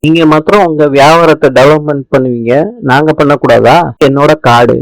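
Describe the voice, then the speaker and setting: A man's voice: on the high side, steady tone, brisk, dry recording, natural voice, poor audio. A man reading the lines of a blunt, teasing young husband who drives a taxi.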